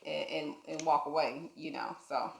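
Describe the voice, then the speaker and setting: A woman with a lowish voice talks calmly and plainly on a podcast, walking through her point step by step. Her voice bounces around an echoey room. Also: moderate pace, gravelly, a little hiss or hum. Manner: calm, matter-of-fact, plainly explaining. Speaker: podcast co-host. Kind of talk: casual conversational chat.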